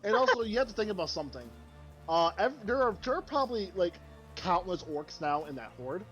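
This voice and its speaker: Excitable man on lo-fi podcast audio. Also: high-pitched, brisk, soft background music. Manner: excitable, swears freely, repeats himself. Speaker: podcast co-host. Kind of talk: casual chat.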